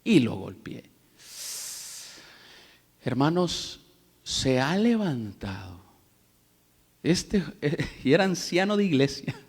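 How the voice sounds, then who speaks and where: A man, preaching a sermon as pastor, telling stories in a chatty way and building to loud preaching. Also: on the high side, sing-song, slow, gravelly, long pauses, husky. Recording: long hall reverb.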